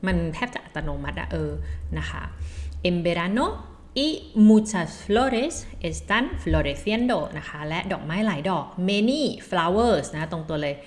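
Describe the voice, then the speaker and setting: Female Spanish tutor from Thailand, lower voice, unhurried, chatty lesson delivery. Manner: chatty, laughs at own slips, reads phrases slowly. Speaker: Spanish teacher. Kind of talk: casual language lesson.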